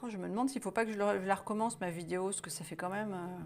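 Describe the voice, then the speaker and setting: A woman's voice: mid-range voice, steady tone, racing, darkish tone. A woman leading a guided wellness exercise in a casual, chatty way, often hesitating and restarting her sentences.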